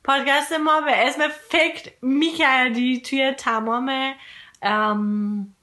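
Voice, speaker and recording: A woman's voice: sits high, fairly even intonation, sharp tone. A woman co-hosting a casual podcast, chatting freely and steering the conversation with prompts and questions. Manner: chatty, leads the conversation, prompting her co-host. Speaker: podcast host. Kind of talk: casual co-hosted podcast chat.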